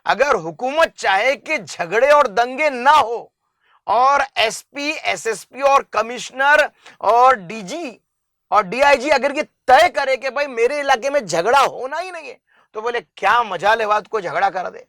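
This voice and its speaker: A man's voice: very high voice, lively intonation, a bit bright, no room sound. A man from India, an interview guest making an impassioned public appeal, earnest and emphatic, stacking up long lists of examples.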